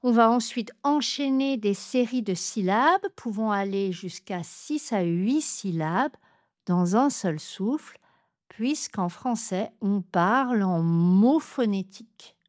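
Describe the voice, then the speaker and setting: A woman gives a pronunciation lesson at an unhurried, measured pace. Her voice sits mid-range and she spells out each example clearly. The sound is dry and close, with no room around it. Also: mid-range voice, expressive, darkish tone, dry recording. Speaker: French pronunciation teacher. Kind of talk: slow, carefully articulated lesson.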